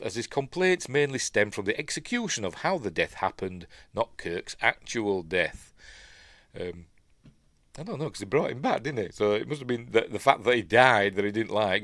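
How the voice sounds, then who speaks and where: Here a sniffly Yorkshire man with a lively, fairly low voice and a stuffy nose hosts a news live stream, recorded without echo. It's rambling live-stream commentary, chatty and full of self-interruptions and mumbled afterthoughts.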